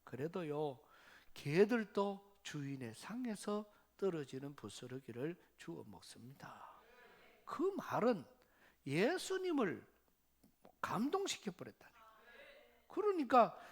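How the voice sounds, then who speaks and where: Lively, high-voiced Gyeongsang pastor preaching. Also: male voice, slow pace. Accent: Gyeongsang dialect. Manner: animated storytelling, acts out biblical voices. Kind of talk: sermon.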